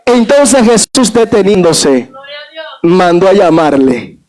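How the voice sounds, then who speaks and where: A man delivers a sermon from the pulpit in a strikingly high voice. He swells into shouts on key phrases and keeps calling out to his congregation. The recording has a radio-like broadcast quality. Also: sing-song, takes it slowly, music in the background, rough recording. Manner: preaching with shouted emphasis and repeated calls to the congregation. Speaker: pastor.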